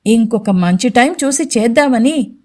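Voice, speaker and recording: A scheming middle-aged mother, played by a woman needles and hesitates and turns sarcastic. She speaks in a slightly high voice in this audio storybook. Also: lively intonation, unhurried, a little mellow. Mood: hesitant.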